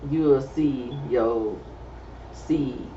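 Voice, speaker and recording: A woman's voice: extremely low pitch, drawn-out words, dark tone, slight background noise. A middle-aged woman, talking candidly in a loose, casual chat as co-host. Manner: candid, loose conversational talk with many fillers. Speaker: podcast co-host. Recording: roomy, distant, slightly dull sound.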